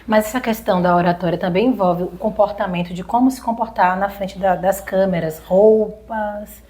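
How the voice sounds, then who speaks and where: A woman's voice: medium pitch, fairly even intonation, moderate pace, mellow. A woman with a Brazilian accent interviewing a guest, conversational and asking leading questions. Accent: Brazilian Portuguese.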